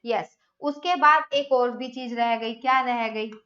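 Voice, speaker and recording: A woman's voice: on the high side, slow, muffled recording. A woman teaching a live online Hindi grammar class, who asks questions and answers them herself.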